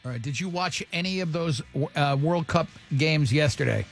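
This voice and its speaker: A male radio host with a fairly high voice, talking in loose, joking morning-show banter. He often trips over his words and restarts, with faint music under him. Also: expressive, normal speed, gravelly.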